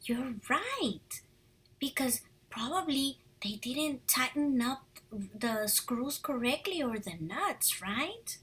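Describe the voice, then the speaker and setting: A woman with a husky, breathy voice that sits high reads a picture book aloud to young children. She keeps it animated and encouraging, pausing now and then to ask them questions.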